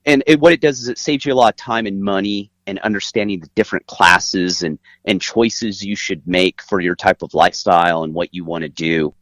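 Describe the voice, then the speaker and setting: A man's voice: sits low, brisk, hardly any pauses, a bit bright, no room sound. A man giving emphatic, conversational explanations as an interview guest, recorded inside an RV. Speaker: guest author.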